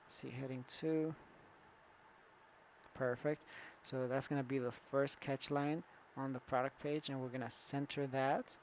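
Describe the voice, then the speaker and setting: A man's voice: medium pitch, level tone, a little slow, darkish tone, slight background noise, rough recording. A man walking through an online store setup in a casual screen-recorded tutorial, thinking aloud with fillers and restarts. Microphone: computer setup with screen recorder and camera.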